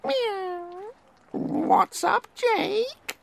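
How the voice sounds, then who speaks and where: A man's voice: very high voice, animated, drawn-out words, gravelly, voice pushed up, heavily acted. A man voicing a friendly female cat in a storybook, with a sing-song, mewing manner.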